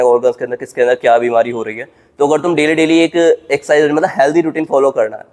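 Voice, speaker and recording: A man's voice: medium pitch, darkish tone. A young man giving casual, direct advice to viewers in a vlog, recorded in a gym. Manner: brisk, informal, addresses viewers directly. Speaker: exam coaching YouTuber.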